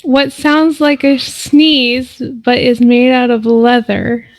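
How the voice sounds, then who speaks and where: A woman player at a tabletop game telling a joke slowly and deliberately. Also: sits high, level tone, no echo, poor audio.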